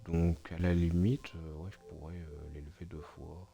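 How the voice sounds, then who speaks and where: A man's voice: low voice, little pitch movement, moderate pace, vocal fry, mellow, soft background music. A man streaming a video game, muttering to himself in a hesitant, casual way and chatting with his viewers. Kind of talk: casual gameplay live-stream commentary.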